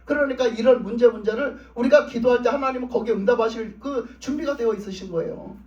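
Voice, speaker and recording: Male pastor, very high voice, emphatic repetitive sermon, echoey distant church sound. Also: fast talker, a little mellow. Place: church sanctuary. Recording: roomy, distant, dull church recording.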